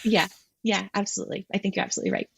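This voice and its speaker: A woman's voice: mid-range voice, wildly swooping pitch, very fast, gravelly, husky, rough recording. A woman marine ecologist answering interview questions, thinking aloud with frequent ums and restarts.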